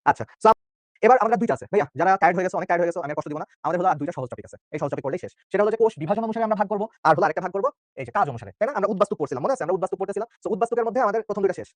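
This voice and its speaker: Rapid-fire high-voiced young tutor. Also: male voice, animated, dry recording. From Bangladesh. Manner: chatty, joking, keeps checking in with students. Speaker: biology tutor. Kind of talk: online exam-prep lecture.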